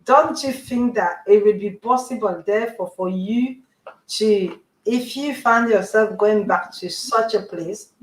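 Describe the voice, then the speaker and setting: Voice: medium pitch, a little slow, roomy sound, poor audio. A show host on an online call whose audio keeps cutting out, repeating and rephrasing a question to two guests. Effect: internet call audio breaking up. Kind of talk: moderating a relationship discussion.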